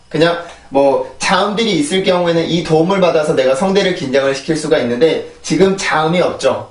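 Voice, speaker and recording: A man gives an online pronunciation lesson in a fairly high voice, explaining step by step and repeating practice words in sets. The room rings with a noticeable echo, and he sounds set back from the microphone. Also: recorded from a distance. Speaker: English pronunciation teacher. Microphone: shotgun mic on a phone.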